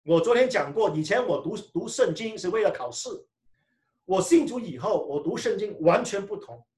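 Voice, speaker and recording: A male preacher gives a lively sermon, his pitch rising and falling widely as he tells personal stories and trips over his own restarts. He sounds set back from the microphone in a roomy, echoing church hall. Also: moderate pace. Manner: animated storytelling, often restarting phrases. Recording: echoey room, mic far off.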